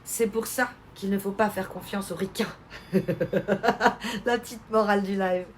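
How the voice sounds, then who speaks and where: A woman's voice: mid-range voice, steady tone, measured pace, slight background noise. A woman streamer chatting casually on a live stream, answering her chat and laughing often.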